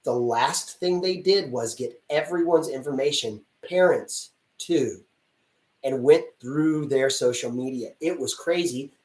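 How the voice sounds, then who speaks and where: A roomy, distant recording catches a casting director with a mid-range, slightly mellow voice talking a little slowly. He is blunt and chatty as he advises actors at a live Q&A, stopping to perform short dialogues.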